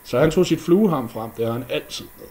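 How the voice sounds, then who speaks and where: A man's voice: medium pitch, expressive, warm tone. A man retelling a myth off the cuff in a casual way, with fillers and mouth sound effects. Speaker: storyteller.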